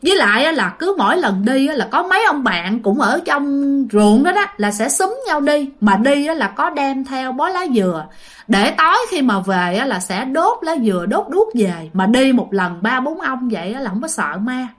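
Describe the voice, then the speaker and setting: A woman's voice: high voice, big pitch swings, moderate pace. A woman narrating listener ghost stories in a chatty, casual way, talking straight to her audience. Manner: chatty, many fillers, addresses listeners directly. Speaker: ghost story channel narrator. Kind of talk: casual spoken storytelling.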